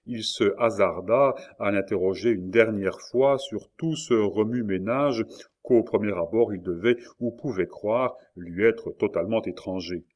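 A man narrating an audiobook in a measured, solemn way. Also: fairly low pitch, darkish tone. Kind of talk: audiobook reading.

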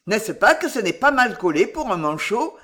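A reader voicing an excitable, jovial one-armed man who talks in loud exclamations. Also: mid-range voice, normal speed, voice pushed up. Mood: earnest. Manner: exclamatory, lively.

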